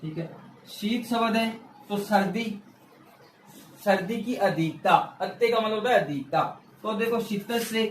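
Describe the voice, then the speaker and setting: A man's voice: sits high, measured pace, pauses often, slight background noise. A male teacher giving an exam-prep grammar lesson, explaining step by step, repeating key words and asking questions that he answers himself. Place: room with a board he writes on. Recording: echoey room, mic far off.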